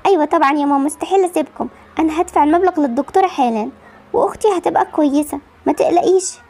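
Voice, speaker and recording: A generous teenage girl, voiced by a woman with an Egyptian Arabic accent, gentle and reassuring. Her voice is very high and quick. She fits a homemade game story video. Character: kind older sister, teen girl, generous, hardworking.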